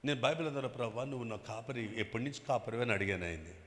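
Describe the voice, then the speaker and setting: A man preaching a sermon as bishop with a Telugu accent, emphatic, swinging from loud bursts to quiet asides and prodding the congregation with questions. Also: medium pitch, very fast, a little hiss or hum. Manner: emphatic, bursts loud then drops soft, prods the crowd with questions. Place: church hall with long reverb. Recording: echoey church hall.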